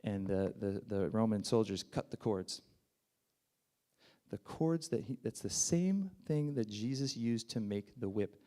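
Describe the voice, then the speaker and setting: A man's voice: on the low side, lively intonation, measured pace, warm tone. A man preaching a sermon with emotion, building to fervent peaks and falling back to near whispers.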